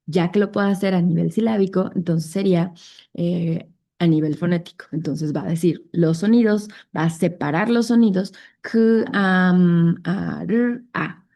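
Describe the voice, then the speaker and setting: A woman lecturing at a conference, her voice low-set and mellow. She speaks Spanish with a Mexican accent and explains step by step, leaning on fillers and tag questions. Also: moderate pace. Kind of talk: conference talk.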